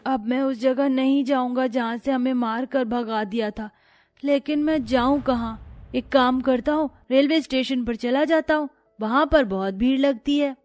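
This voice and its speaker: A shrill, frightened little boy. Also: moderate pace, darkish tone, faint music behind. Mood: hawking. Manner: shrill, pleading childlike falsetto. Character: young boy, poor and frightened, devoted son. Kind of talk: cartoon story voice acting.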